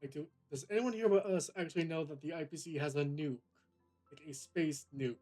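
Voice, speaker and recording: Mellow-voiced guy streamer, swears a lot, game music under him. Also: on the high side, a little fast. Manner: profane, blunt, joking. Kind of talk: casual gameplay commentary. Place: home streaming setup.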